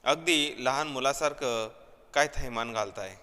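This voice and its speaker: A man's voice: medium pitch, unhurried, pushed and bright, clean tone, long reverb tail. A man reading the lines of a wife who scolds her husband, in a reproachful tone. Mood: scolding. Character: scolding wife, middle-aged woman, nagging.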